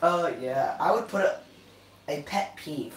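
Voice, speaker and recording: A man's voice: fairly high pitch, lively intonation, measured pace, recorded from a distance. A man co-hosting a casual live stream, reading out viewer questions and cracking jokes. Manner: joking, interrupting. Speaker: co-host reading chat questions. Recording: off-mic in an echoey room with faint hiss.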